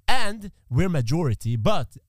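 A man's voice: on the high side, very animated, measured pace, no echo, clean studio sound. A man hosting a podcast in casual chat, joking and teasing his guests. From Sweden. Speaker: podcast host.

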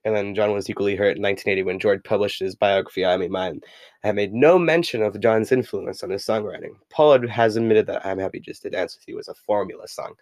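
A man's voice: lowish voice, quick pace, darkish tone, dry recording. A young man hosting a casual solo podcast, rambling with many fillers and reading passages aloud from a book. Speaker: podcast host.

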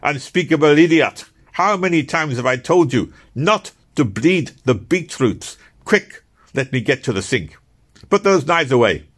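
A man's voice: fairly high pitch, lively intonation, a little slow, a bit bright, husky, voice pushed up, heavily acted. A man voicing a bossy, nagging female cook who barks scolding orders in a kitchen.

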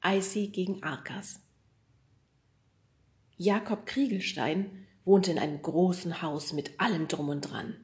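A woman with a fairly low voice narrates a children's audiobook. Her reading is calm, clear and measured, in a steady storytelling manner. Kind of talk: scripted narration.

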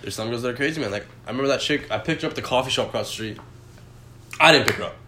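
A man rattles off profane stories at a quick clip, laughing as he goes. His voice carries the echo of a bare room. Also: mid-range voice, background noise. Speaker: podcast co-host. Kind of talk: crude casual chat.

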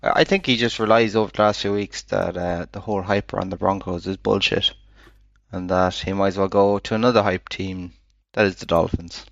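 Low-voiced blunt man on a dull line. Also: fairly even intonation, fairly quick, creaky, no echo. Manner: blunt, short remarks. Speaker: podcast co-host. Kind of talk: casual chat.

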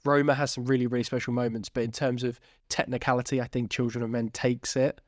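A man's voice: medium pitch, level tone, quick pace, no room sound. Male podcast co-host in a dry recording. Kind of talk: casual film chat.

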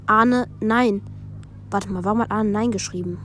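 A woman vlogger reading a group chat aloud in a casual way, with quick asides between the messages. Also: medium pitch, slight background noise.

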